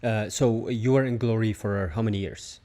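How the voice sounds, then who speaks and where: A man's voice: on the low side, moderate pace, dark tone. A man hosting a podcast, asking questions in a hesitant, filler-heavy way. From outside the United States. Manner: hesitant, many fillers and restarts. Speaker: podcast host. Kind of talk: casual interview.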